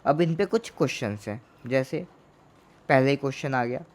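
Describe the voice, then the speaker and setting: A man's voice: medium pitch, expressive, moderate pace. A man teaching a chemistry lesson in Hindi, asking questions and answering them himself, repeating each term to drill it in. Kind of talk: Hindi classroom lecture.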